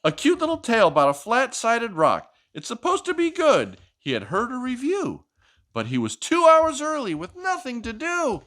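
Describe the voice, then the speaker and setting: A man with an extremely high voice and huge pitch swings reads a picture book at normal speed in a slightly bright tone. Hosting a children's storytime, he reads expressively and makes playful, chatty asides to a child, asking questions and echoing back the answers.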